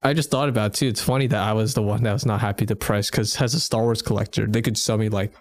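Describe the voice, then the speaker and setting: A man's voice: fairly low pitch, steady tone, fast, dry recording. A man hosting a podcast, chatting casually and leading the discussion in a laid-back way. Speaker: podcast host.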